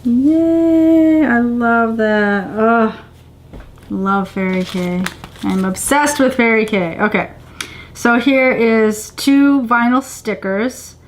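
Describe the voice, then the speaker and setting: Her voice is on the high side and slow as this middle-aged woman unboxes a subscription box on camera from her couch at home. She talks casually, gushing at times between plain remarks, with slight background noise present.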